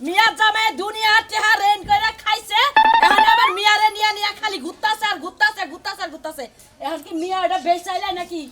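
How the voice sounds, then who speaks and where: A woman's voice: very high-pitched, lively intonation, quick pace, loud music behind the voice. A woman playing a nagging village wife and mother in a comic sketch, urging and complaining. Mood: worried. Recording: noticeable background noise.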